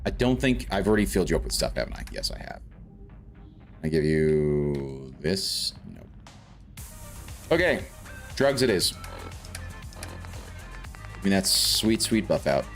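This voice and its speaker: A very deep male voice with huge pitch swings takes its time, pausing often. The speaker, from South Africa, streams a game while chatting loosely and talking through his thoughts. Game music plays faintly underneath.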